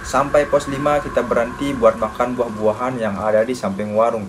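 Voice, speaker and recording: A man tells a horror story in a relaxed, conversational voice. His pitch sits in the middle and his delivery stays casual and slangy. A steady hiss of background noise runs under the whole recording. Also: moderate pace. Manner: casual, slangy first-person retelling.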